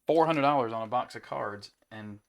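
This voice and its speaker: A man in his young adult years runs a card break from home. His voice sits at an ordinary middle pitch, and he chats in an easygoing way, reeling off player names between asides. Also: normal speed, gravelly. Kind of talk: casual chat while opening card packs.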